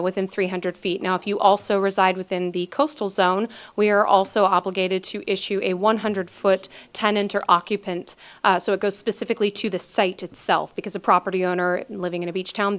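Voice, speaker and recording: Woman city planner explaining procedures. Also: medium pitch. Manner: informative, steady, with frequent ums. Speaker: city planning staff member. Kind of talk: explaining procedures at a council meeting.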